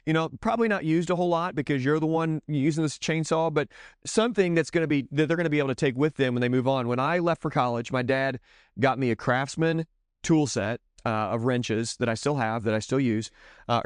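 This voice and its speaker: A man's voice: mid-range voice, clean tone, no room sound, studio quality. A middle-aged man talking to other parents in a casual teaching style, earnest and rambling, often stopping to correct himself.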